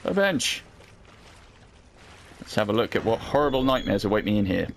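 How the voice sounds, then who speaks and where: British male let's play host: deeper voice, wry, sweary, offhand, over audible game sound. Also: racing, creaky, slight background noise. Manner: sweary, dry, wry understatement. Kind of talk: casual gameplay commentary. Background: video game sound.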